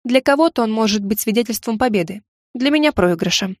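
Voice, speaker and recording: A woman reading an audiobook gives voice to a proud young witch, sarcastic and quick to snap back. Her tone sits close to the narrator's own, recorded dry and close. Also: on the high side, animated, a little mellow, no room sound, close to an everyday voice. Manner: sarcastic, snapping. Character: young witch heroine, sharp-tongued, proud.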